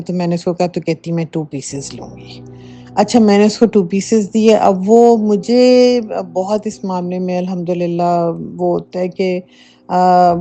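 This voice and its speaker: Faint background music accompanies a voice note from a middle-aged woman whose fairly low voice has a warm tone. Sharing a personal story as a listener, she casually and emphatically describes a true haunting at home, using many fillers.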